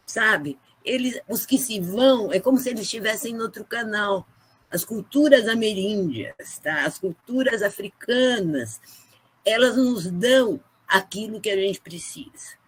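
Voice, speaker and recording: Husky-voiced woman talking earnestly on a video call, keeps checking in with the listeners, a bit of breath in the voice. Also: medium pitch. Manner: earnest, with frequent tag questions. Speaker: guest speaker at a book launch. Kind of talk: emotional testimony.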